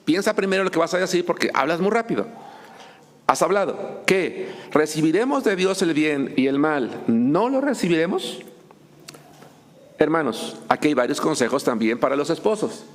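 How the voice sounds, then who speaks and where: A man's voice: on the high side, sing-song, moderate pace. A man, a pastor preaching a sermon, joking and acting out little scenes between husbands and wives. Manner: humorous, acts out couples' dialogue.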